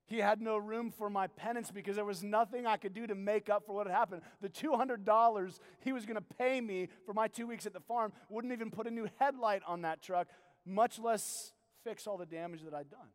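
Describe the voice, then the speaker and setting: A man preaching a sermon, telling a story with animated energy and then asking quiet, earnest questions. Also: high-pitched, a little fast. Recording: long hall reverb.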